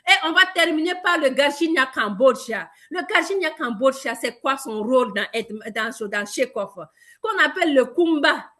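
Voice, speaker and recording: High-voiced, lively woman pitching a product. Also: normal speed. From Burkina Faso. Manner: lively, emphatic, addresses listeners directly. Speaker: product presenter. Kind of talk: sales training talk.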